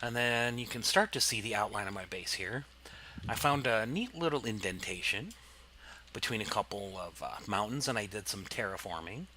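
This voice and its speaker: A man's voice: fairly low pitch, expressive, normal speed, sharp tone, a little hiss or hum. A man casually commenting on his gameplay, rambling and explaining as he goes, with plenty of fillers. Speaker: let's play host.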